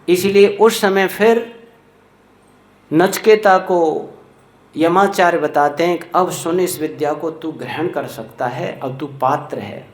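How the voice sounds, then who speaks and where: A man giving a Vedic sermon as a swami, chanting Sanskrit verses slowly and then explaining them, telling stories with acted quotes. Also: on the high side. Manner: storytelling with acted quotes of a mother. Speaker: swami preacher. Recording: echoey room.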